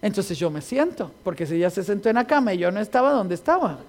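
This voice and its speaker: A man preaching a sermon, telling personal stories with quoted dialogue and rising into impassioned, shouted exhortation. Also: sits high, lively intonation, quick pace, a little hiss or hum.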